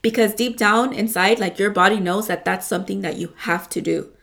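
A woman's voice: medium pitch, fairly quick, creaky, fairly bright tone. A woman hosting a casual motivational talk, rambling with lots of fillers and frequent swearing, often calling her listeners "you guys".

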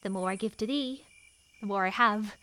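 A woman performing a lovestruck, wary young noblewoman in a Shakespearean scene, her delivery moving between hushed and impassioned. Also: mid-range voice, normal speed, slight background noise, close to an everyday voice. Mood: longing. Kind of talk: Shakespearean stage acting.

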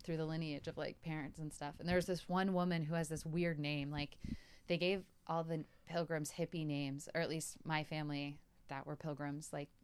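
A woman's voice: low voice, level tone, moderate pace, clean tone. A woman co-hosting a podcast, chatting casually and rambling with lots of fillers and laughs. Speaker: podcast co-host. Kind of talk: casual chat.

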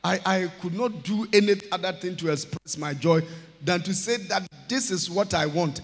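A Ghanaian man, chairman of a church, preaching a sermon with emphatic, drawn-out phrases that rise to shouts. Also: high-pitched. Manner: emphatic, rising to shouts, stretching words slowly. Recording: long hall reverb.

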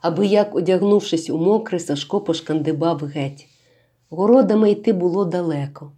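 Woman reading a story out, calm and even, low-ish warm voice. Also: normal speed, breathy edge. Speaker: narrator.

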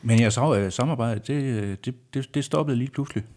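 A man's voice: medium pitch, darkish tone. A man hosting a podcast, putting questions to his guest in an inquisitive, prompting way. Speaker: podcast host. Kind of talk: interview questions.

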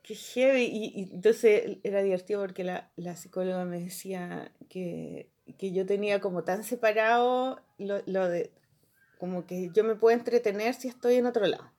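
A young woman with a Chilean accent, hosting a podcast and telling an animated story full of voices and laughter. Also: mid-range voice, normal speed. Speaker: podcast host. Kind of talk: casual chat.

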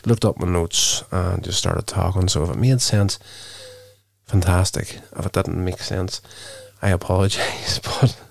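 A man's voice: deep voice, steady tone, measured pace, dry recording. A man hosting a casual solo movie podcast, thinking aloud hesitantly, with a wheezy, chesty voice that sounds sick and just woken up. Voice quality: wheezy, gravelly. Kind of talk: casual solo podcast talk, rambling film review.

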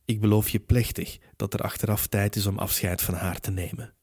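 Sorrowful young woman medium, soft and subdued, low warm voice, read by a male narrator. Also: fairly even intonation, brisk, husky, no echo, clean studio sound. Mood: resigned. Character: tearful young woman medium, gentle, resigned.

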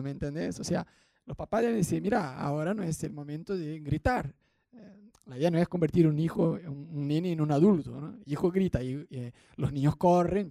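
A man's voice: high-pitched, dark tone, no echo, studio quality. A young man preaching a conversational sermon with a Rioplatense Spanish accent, often asking the congregation questions. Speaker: pastor.

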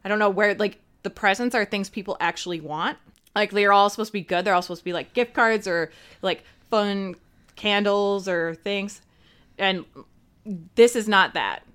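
A woman with a medium-pitched voice co-hosts a podcast. Her talk is casual and very informal, full of colloquial turns of phrase, like a relaxed chat between friends. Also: normal speed, clean tone. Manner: informal, peppered with "like" and "you know". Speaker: podcast co-host.

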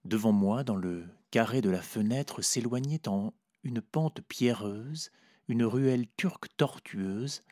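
A man narrating a literary story in a measured, reflective way. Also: medium pitch, mellow, no echo, clean studio sound.

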